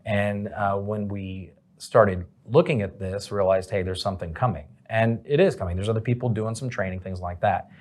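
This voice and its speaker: Guy in an interview, kinda low voice, rambles and says um a lot. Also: steady tone, normal speed, few pauses, darkish tone. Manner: rambling, with many fillers and restarts. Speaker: company president, guest. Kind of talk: casual interview answers.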